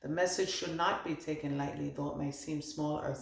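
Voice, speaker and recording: A man with a fairly high, steady, creaky voice talks at a quick clip, working as a medium. He gives a rambling channeled card reading, thinking aloud and passing on what the spirits tell him. The room has a noticeable echo.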